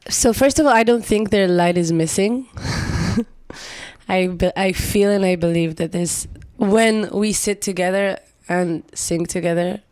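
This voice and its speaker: A singer-songwriter whose first language is Hebrew joins a reflective podcast conversation as a guest, speaking expressively and searching for words. Her medium-pitched voice is unhurried and a little mellow, with no echo.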